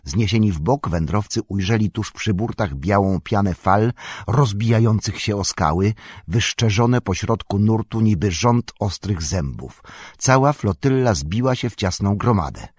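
A man reads a fantasy novel aloud in a calm, measured way. His voice is deep and husky. The recording is dry and close, with no room sound. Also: no room sound. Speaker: audiobook narrator. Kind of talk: scripted narration of a fantasy novel.

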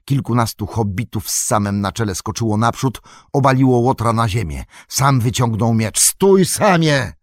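A man narrating a fantasy novel as an audiobook, in a measured, dramatic storytelling manner. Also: medium pitch, no room sound, studio quality.

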